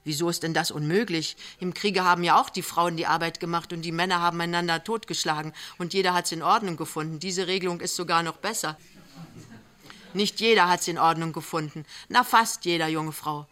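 A gruff, brooding man, as a reader acts him in an audiobook, blunt, with a gentle consoling streak. He speaks in a bright, forceful tone. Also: medium pitch, fairly even intonation, brisk, lightly acted. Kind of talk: audiobook character reading.

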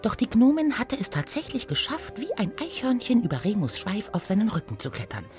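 A woman reading a children's story aloud as narrator, in a slow, lively storytelling manner. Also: a little high, soft background music.

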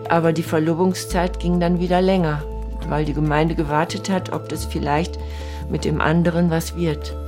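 A woman's voice: low voice, flat delivery, normal speed, music in the background. Older woman recalling memories. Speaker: interviewee.

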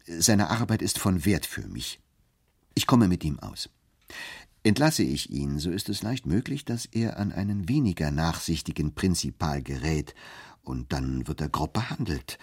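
Deep husky man narrating a story. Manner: measured, expressive first-person telling. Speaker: audiobook narrator. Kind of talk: scripted literary narration.

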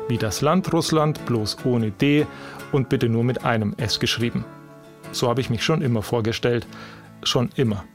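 A man's voice: medium pitch, moderate pace, faint music behind. A man hosting a podcast, telling a personal story in scripted narration. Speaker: podcast host.

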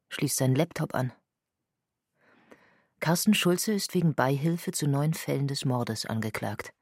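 A man's voice: on the high side, breathy edge, no room sound, clean studio sound. A man giving sober, descriptive narration in a documentary radio drama.

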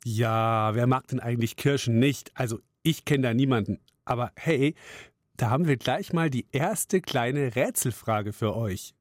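A man hosts the quiz part of a children's audio show, chatting with the young listeners. His voice sits at a middle pitch and the recording is close and dry. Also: unhurried, no room sound. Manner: friendly and chatty, addressing children. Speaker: quiz host.

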